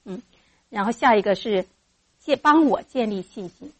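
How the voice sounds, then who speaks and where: At a moderate pace and in a mid-range voice with a breathy edge, a woman delivers a lively church teaching to mothers on raising children in faith, playing out parent and child voices.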